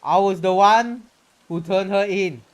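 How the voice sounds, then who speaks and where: Over background music, a game streamer speaks in a high-pitched, unhurried voice. He hosts a laid-back livestream, reading the story text with dramatic flair and tossing in casual remarks and mild curses.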